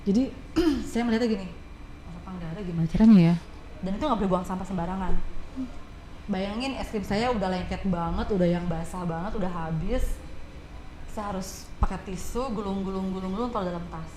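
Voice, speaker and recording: A woman's voice: mid-range voice, fairly quick. A woman guest speaker with an Indonesian accent, chatting casually and acting out the people in her stories. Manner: animated storytelling, acts out quoted people. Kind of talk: casual talk show chat. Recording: echoey room, faint background noise.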